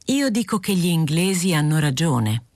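A woman's voice: deep voice, no room sound, clean studio sound. Woman voicing a weary, stubborn aging editor. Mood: patient. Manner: calm, measured, feigning nonchalance.

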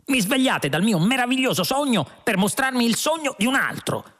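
A man's voice: very high voice, very animated, a little fast, a bit bright, voice pushed up, full character voice. A man reading an audiobook, voicing a groggy, grumpy male alien adventurer who whines and sulks. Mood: indignant shouting. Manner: whiny and petulant.

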